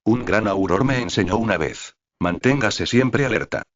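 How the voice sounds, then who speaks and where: A man reading the lines of a cool, calculating young wizard, calm and measured. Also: lowish voice. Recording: dull lo-fi audio.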